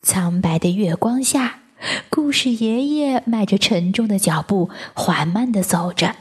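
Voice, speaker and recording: A woman narrating a children's picture book in a soft reading voice. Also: mid-range voice, animated. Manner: slow, soft, breathy reading. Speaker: storyteller.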